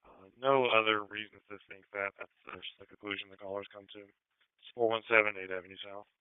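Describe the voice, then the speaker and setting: A man's voice: fairly low pitch, steady tone, a little fast, clean tone, no echo. Male police dispatcher over scanner radio. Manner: clipped, matter-of-fact dispatch codes. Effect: police radio transmission. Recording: narrow-band police scanner audio.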